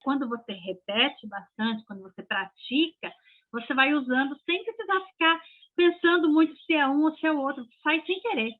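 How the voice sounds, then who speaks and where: A Brazilian teacher with a high voice explains English grammar in a relaxed, conversational way. She keeps checking in with little tags as she talks and slows down to say each example carefully. The sound is thin and tinny, like a phone line. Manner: chatty, explains with frequent "né?" and "tá?", says English examples slowly and clearly. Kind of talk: casual explanatory lesson.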